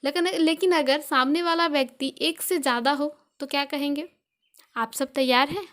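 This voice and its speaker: A young woman with an Indian accent and a high voice explains English grammar for an online lesson. She goes slowly and patiently, repeating each point in several ways with everyday examples. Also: a bit bright. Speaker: English teacher.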